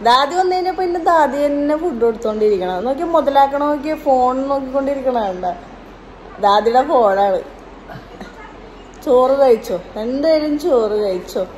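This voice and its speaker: This woman, a vlogger with a Malayali accent, chats in a relaxed family vlog at home as rain falls in the evening, coaxing a sleepy, crying child in a lilting voice. Her voice is high and expressive with a somewhat dark tone, at a normal speed, and the rough recording carries a slight hiss or hum.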